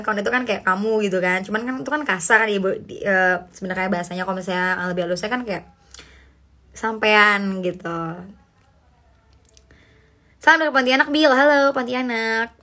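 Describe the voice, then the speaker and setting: A young woman from Indonesia hosting a casual phone livestream, chatting and reading out comments in a lively, slangy way with bits of English. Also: mid-range voice. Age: young adult.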